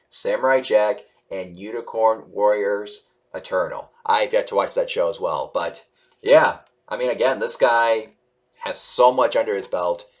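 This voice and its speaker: A YouTube host reviewing animation news offers casual online commentary, switching between reading aloud and giving his own take. His somewhat low voice is halting and rambling, often self-correcting and sounding unsure.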